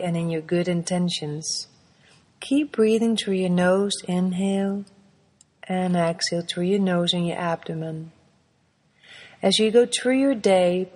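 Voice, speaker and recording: Woman guiding a meditation, breathy low voice, really slow and calm, long echoey reverb. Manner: slow, soft, soothing instructions with long pauses. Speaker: meditation guide. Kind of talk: guided meditation.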